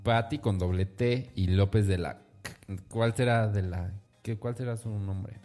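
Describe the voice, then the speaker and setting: A man's voice: fairly low pitch, fairly even intonation, a little slow, dark tone. A man trades banter as co-host of a gossip show. He reads tabloid headlines aloud in an easy, chatty way, with faint music playing behind him. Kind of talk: casual gossip chat.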